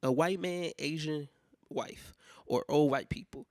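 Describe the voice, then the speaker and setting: A young American man hosting a podcast, telling rambling profane stories in a casual solo monologue, sick with a cough, with loud mock outbursts. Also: on the high side, unhurried, no room sound, studio quality. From United States. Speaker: podcast host.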